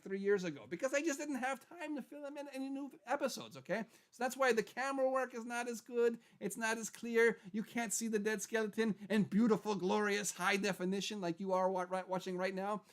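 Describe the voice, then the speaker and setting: A man's voice: sits high, close to an everyday voice. A man voicing a chatty skeleton show host in casual livestream talk, rambling and repeating phrases for emphasis. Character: animated skeleton character, chatty male puppet show host. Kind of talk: casual in-character livestream chat.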